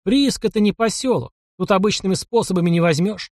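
A man's voice: sits high, fast talker, a little mellow, no echo, studio quality, pitched above the performer's own voice. A man voicing a gloomy, irritable, hungover army major in an audiobook. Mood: curt. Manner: gloomy, curt.

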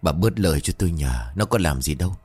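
A man doing a hoarse brooding old husband. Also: animated, fast talker, a little mellow, no room sound. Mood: weary. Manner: low, hoarse, weary. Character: troubled older village husband, quiet and brooding.

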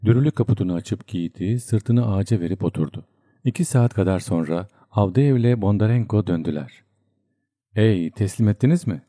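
A man reads a literary novel aloud in a measured, even manner. His voice is low and notably dark and mellow. The recording is dry and close. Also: no echo. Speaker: audiobook narrator. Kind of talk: literary audiobook narration.

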